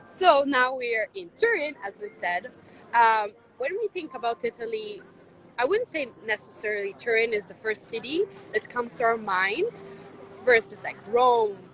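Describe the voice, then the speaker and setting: Bright-voiced young woman outdoors. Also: fairly high pitch, very animated, measured pace, rough recording. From Croatia. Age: young adult. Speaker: vlog host and student guide. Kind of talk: casual city tour vlog. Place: outdoors in a city square. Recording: street noise in the background.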